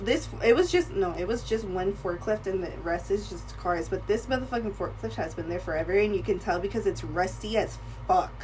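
A woman's voice: medium pitch, a little fast, darkish tone. A young woman co-hosting a podcast, telling a story in a casual, profane way and often breaking into laughter. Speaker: podcast co-host. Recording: slightly distant mic with faint room noise.

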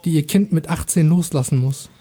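A man who mixes songs, chatting relaxed as a guest in a studio. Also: on the high side, a little fast, breathy edge. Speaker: guest musician. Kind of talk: casual studio chat.

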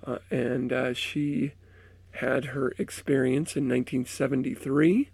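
Raspy-voiced man with a cold. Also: medium pitch, flat delivery, a little mellow, dry recording. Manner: halting, many fillers and restarts. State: sick, strained voice from a cold. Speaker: podcast host reading accounts. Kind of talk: casual intro and reading aloud.

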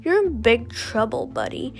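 A woman's voice: a little high, huge pitch swings, a little slow, a little mellow, faint music behind, exaggerated voice. A woman voicing a determined, bossy girl adventurer in a read-aloud story, scolding and firm.

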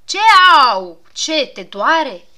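Lady doing a fussy little gnome doc, coaxing and scolding, lively up-and-down voice. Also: a little high. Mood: fussing. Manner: soothing then scolding, fussy. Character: fussy, grumbling male gnome doctor. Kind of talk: storybook reading.

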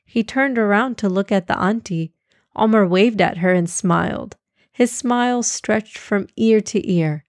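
Woman, storybook narrator, steady, clear, mid pitch, dry sound. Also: measured pace, dry recording. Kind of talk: storybook reading.

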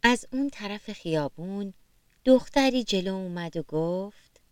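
A woman narrating a children's story gently and expressively, sometimes speaking straight to the young listeners. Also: mid-range voice, lively intonation, clear, resonant tone, dry recording.

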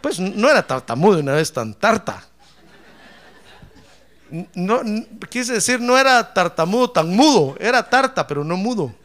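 A man's voice: high-pitched, very animated, measured pace. A man preaching a sermon as pastor, calling out praise and addressing listeners as brother. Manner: fiery preaching, shouting praise.

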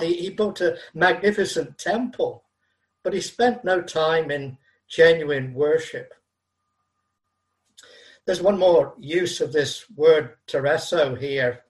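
A man preaching a sermon in an earnest way, repeating key phrases for emphasis. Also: high voice. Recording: voice distant from the mic.

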